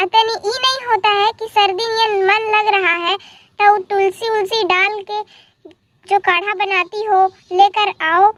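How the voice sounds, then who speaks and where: A woman's voice: very high-pitched, a bit bright. A woman voicing a stubborn old village grandfather with a blocked nose, complaining in rustic dialect. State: blocked nose, head cold.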